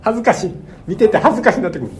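A man's voice: high voice, rapid-fire. A man with a Kansai accent, chatting as co-host of a web radio show and telling stories with acted-out quotes. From Kansai, Japan. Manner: animated storytelling with acted-out quotes. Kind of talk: casual chat.

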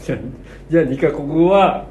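A man's voice: on the high side, quick pace, darkish tone, echoey room, slight background noise. A man with a Kansai accent, teasing and insisting in casual comedy-duo banter. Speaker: comedian co-host.

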